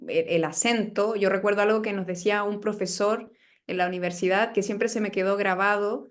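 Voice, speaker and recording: A woman with a Chilean accent talks as a guest in a relaxed interview. She explains her views carefully, stopping briefly to think now and then, in the manner of a teacher. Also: mid-range voice. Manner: thoughtful, explanatory, pauses with "eh". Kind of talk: casual interview chat.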